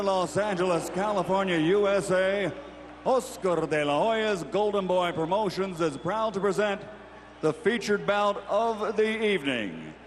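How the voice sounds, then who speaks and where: A man serves as ring announcer with theatrical lucha libre flair. His fairly high voice booms and stretches names into long shouts. It rings around a big arena with a long echo and clear background noise. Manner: booming showman delivery with long drawn-out shouted names. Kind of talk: grand theatrical fight introductions, in the manner of a lucha libre announcer. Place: large indoor sports arena. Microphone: ring announcer's microphone over arena speakers. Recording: echoing arena PA with loud noise.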